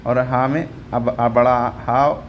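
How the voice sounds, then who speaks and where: A man with a medium-pitched, steady voice teaches English reading at a slow pace, patiently repeating each sound and quizzing his learner step by step. It's a step-by-step phonics lesson, with slight background noise in the recording.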